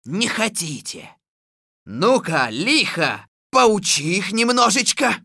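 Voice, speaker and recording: A woman voicing a menacing, domineering old sorcerer king in a storybook reading, with a drawn-out, commanding delivery. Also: medium pitch, sing-song, a bit bright, no echo, studio quality, full character voice. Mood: rallying.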